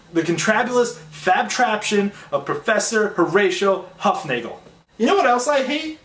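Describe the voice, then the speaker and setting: A young man with a high, swooping voice rants through a comic list of grievances, all sarcasm and exasperation. He sounds a little away from the mic, in a roomy, echoing space. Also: far from the mic. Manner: exasperated, sarcastic griping with mocking put-on voices. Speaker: comedy sketch host ranting. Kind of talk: comedic rant monologue.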